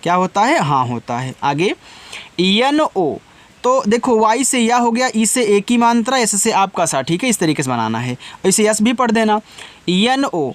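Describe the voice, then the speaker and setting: A man teaching English words letter by letter, spelling slowly, then explaining patiently and answering his own questions. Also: high voice, lively intonation, no room sound. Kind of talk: Hindi-language spelling lesson.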